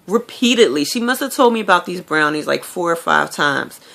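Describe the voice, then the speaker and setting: A woman's voice: lowish voice, animated, moderate pace, creaky, a bit bright. A woman talking candidly to her viewers in a casual video diary, telling stories with lots of fillers. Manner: chatty, candid storytelling with many fillers. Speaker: vlogger.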